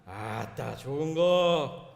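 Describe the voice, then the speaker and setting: A man voicing a folksy, exuberant Jeolla dialect speaker who praises God with hearty, drawn-out exclamations. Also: medium pitch, lively intonation, gravelly, slight background noise, full character voice. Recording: echoey church hall.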